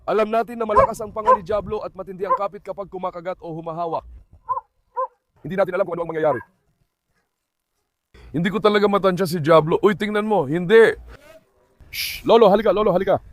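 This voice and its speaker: Isang lalaking nagkukuwento sa mga manonood habang inaalo ang kanyang mga aso. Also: male voice, high voice, expressive, fairly quick, long pauses, a bit bright, dry recording. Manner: talks to viewers and coaxes his dogs. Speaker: dog owner narrating his dogs. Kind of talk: casual vlog commentary.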